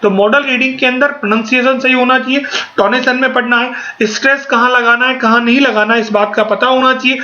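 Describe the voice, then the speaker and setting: A man's voice: extremely high pitch, fairly even intonation, brisk, bright, forceful tone. A man teaching an exam-prep lesson, explaining point by point and answering his own rhetorical questions. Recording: dull, echoey room.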